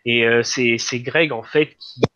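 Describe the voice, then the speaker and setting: A man's voice: mid-range voice, fairly even intonation, unhurried, sharp tone. Guy rambling about a movie with lots of uhs, sounds kinda muffled. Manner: hesitant, many fillers. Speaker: podcast guest. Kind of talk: casual film review chat.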